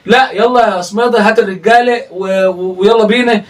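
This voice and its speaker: Egyptian man, comic clip commentary, teasing, high voice, quick delivery. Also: fairly even intonation, distant mic. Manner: teasing, laughs often. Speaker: comedy commentator reacting to clips.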